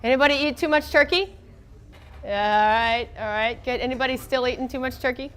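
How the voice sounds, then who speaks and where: An American woman from the southern United States gives an informal physics lecture, her voice weakened by a cold. She sounds high, fairly quick and a bit bright, with a little hiss or hum in the audio. She keeps it conversational, checking in with her students with "okay" and "all right."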